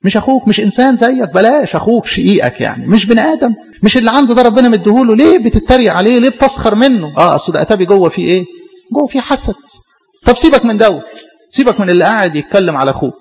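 A man with an Egyptian accent, a pastor, preaching a sermon in a quick, repetitive style full of rhetorical questions. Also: high-pitched, sing-song, a little mellow, in a large hall, lo-fi sound. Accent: Egyptian Arabic. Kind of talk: Coptic church sermon.

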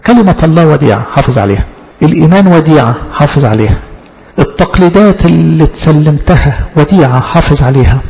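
A man's voice: a little high, animated, fast talker, vocal fry, darkish tone. A man with an Egyptian Arabic accent preaching a sermon, asking rhetorical questions and answering them himself, repeating key phrases for emphasis. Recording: dull lo-fi recording.

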